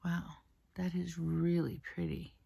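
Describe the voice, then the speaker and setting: A beauty vlogger with a low voice, vocal fry, and a breathy edge speaks a little slowly and flatly through her makeup routine in a casual get-ready-with-me chat. Soft, half-whispered, and rambling, she's recorded at her mother's home on the camera's own mic, no separate microphone.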